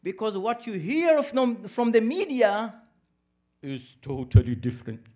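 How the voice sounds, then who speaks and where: Lecturing a live audience at a community center's interfaith event, a man asks rhetorical questions he then answers, in an emphatic, preacherly style. His voice sits high, sing-song and a little mellow, unhurried.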